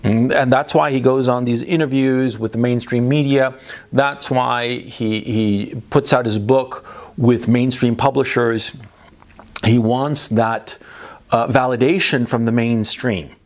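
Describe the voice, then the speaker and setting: A man who grew up between Chile and the United States delivers a blunt opinion monologue in a gravelly, mid-pitched voice. He stresses points by repeating them and keeps checking in with "right?", stumbling over his own restarts. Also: steady tone, unhurried. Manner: speech full of restarts and tag questions. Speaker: political commentator.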